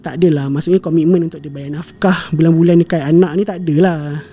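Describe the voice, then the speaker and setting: A young man with a mellow, steady voice on the high side talks quickly as a podcast guest telling a family story, with slight background noise. His casual narration wanders, with lots of fillers, frequent self-corrections, and English words mixed in.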